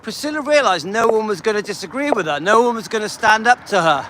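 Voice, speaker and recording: An Englishman with a high, lively voice live streams while walking his dog, talking fast and rambling in a friendly way as he chats with viewers and reads their comments out, with background noise around him.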